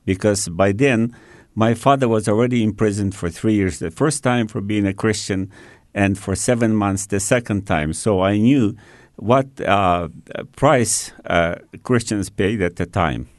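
An older man tells his testimony as an interview guest. He speaks in a measured way, stopping often on "uh". His voice sits fairly low, in a dry, close sound. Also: no room sound. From China. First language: Russian. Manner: measured, with frequent "uh" pauses. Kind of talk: personal testimony.

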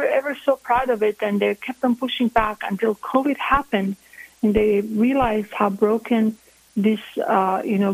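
A Croatian family physician with a Croatian accent earnestly explains her views while answering questions as an interview guest. Her voice is fairly high with a darkish tone. The low-quality recording has no room sound.

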